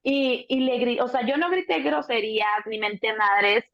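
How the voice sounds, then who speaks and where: A Mexican woman in her thirties, a doula, telling a birth story in a relaxed chat, acting out the voices of the people in it and swearing casually. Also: fairly high pitch, normal speed. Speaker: doula, co-host. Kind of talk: casual conversation. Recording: dull lo-fi sound.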